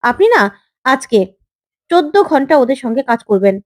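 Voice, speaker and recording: Defiant young working woman, firm, lecturing, high voice, read by a woman. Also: animated, normal speed, a little mellow, no echo, studio quality.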